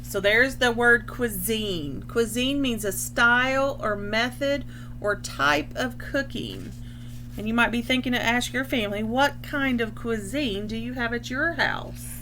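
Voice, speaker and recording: Slightly high, pushed and bright, a woman's voice reads a picture book aloud to young children, with slight background noise. Speaking as a school librarian, she explains things along the way and pauses to define words for instruction.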